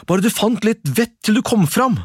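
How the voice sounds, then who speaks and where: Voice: mid-range voice, expressive, slightly rough, no echo, clean studio sound, pitched above the performer's own voice. A storyteller doing scornful older brothers. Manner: dismissive, scolding. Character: two scornful older brothers, grown men. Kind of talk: storybook reading.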